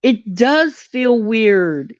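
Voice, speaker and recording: A woman vlogging in a candid, chatty and expressive way. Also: on the high side, very slow, no room sound, lo-fi sound. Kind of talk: casual personal vlog.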